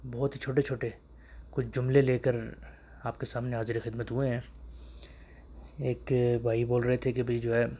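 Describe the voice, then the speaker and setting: A man teaching a casual lesson, saying each short phrase slowly and repeating it several times to drill the pronunciation. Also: medium pitch, darkish tone, a little hiss or hum. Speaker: Arabic teacher. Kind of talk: casual spoken language lesson.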